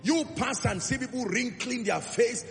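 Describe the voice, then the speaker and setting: A man with a high, gravelly voice preaches a sermon in a big church hall, and his words ring out with a long echo over faint music. He piles up repeated lines and builds to loud exhortation, then drops into a low, earnest tone. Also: normal speed, a little hiss or hum. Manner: emphatic, rising repetitions, shifts between loud exhortation and low earnest tone.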